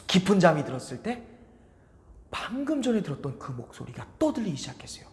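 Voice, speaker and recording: A children's preacher telling a Bible story in an animated way and asking the children questions. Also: medium pitch, brisk, reverberant, big-room sound, slight background noise.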